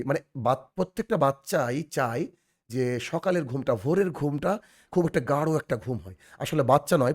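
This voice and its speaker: A man teaching a children's English lesson over a video call, patiently repeating phrases and checking that the class follows. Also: a little high.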